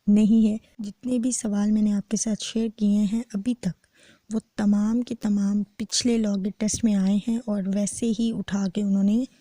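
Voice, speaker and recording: A woman, a law test tutor going through exam answers in a steady explanatory lecture. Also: mid-range voice, no echo. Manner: steady explanatory teacher, reads questions out slowly.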